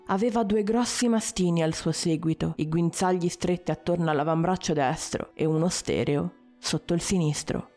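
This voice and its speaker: A woman narrating a story in a measured way, with short dramatic pauses. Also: on the low side, dark tone, faint music behind.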